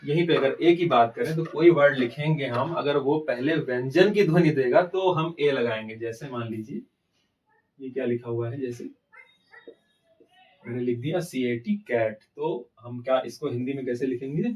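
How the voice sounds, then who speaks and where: A man's voice: mid-range voice, moderate pace, a little mellow, distant mic, rough recording. Man teaching grammar with rhetorical questions. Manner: asks rhetorical questions and answers them himself. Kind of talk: classroom-style grammar lesson.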